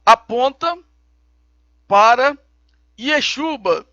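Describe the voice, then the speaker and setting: A man teaching a recorded Bible lesson, explaining each term slowly and step by step. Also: extremely high pitch, expressive, bright, forceful tone, no echo, lo-fi sound. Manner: slow, deliberate, explains terms step by step.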